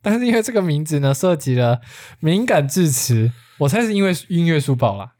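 A man with a Taiwanese accent and a slightly high voice hosts a podcast. He explains things conversationally, in an easygoing and jokey manner. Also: big pitch swings, fairly quick, darkish tone. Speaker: podcast host.

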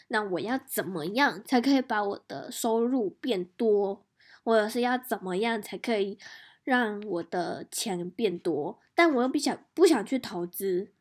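A woman hosting a podcast, telling a personal story in a lively, animated way with quick restarts. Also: medium pitch. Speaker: podcast host. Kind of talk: casual podcast chat.

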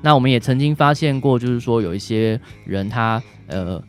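Faint music sits behind a Taiwanese-accented doctor answering questions as a radio guest. He explains things conversationally at normal speed in an expressive, mid-range voice, frequently closing phrases with short tag particles.

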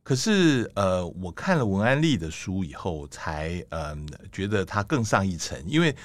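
A middle-aged man with a Taiwanese Mandarin accent, hosting an interview. He is reflective and attentive and often answers with a soft "mm". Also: deep voice, big pitch swings, unhurried. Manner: reflective, attentive listener with frequent "mm" backchannels. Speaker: talk show host. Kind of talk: interview conversation.

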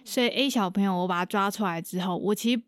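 A woman's voice: medium pitch, fast talker, no echo. A young woman, a guest on an interview show, animatedly retelling an experience and acting out the dialogue. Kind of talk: casual storytelling in an interview.

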